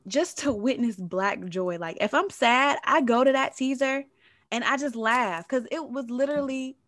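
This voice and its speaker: A playful woman co-hosting a podcast in a bright, somewhat high voice. She chats easily and laughs often. The talk is casual and friendly. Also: normal speed. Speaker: podcast co-host. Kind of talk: casual chat.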